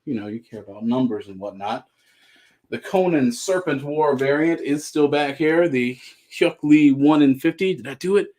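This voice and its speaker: A man hosting a live comic book sale, running through items with upbeat, joking pitchman patter. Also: normal speed, a little mellow. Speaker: host selling comics on a live stream. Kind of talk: live sales chat.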